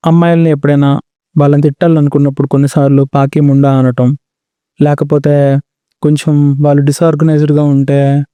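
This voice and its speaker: Male podcast host, calm and casual; smooth, warm voice, dry sound. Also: a little high, dry recording. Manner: calm, mostly brief agreeing replies.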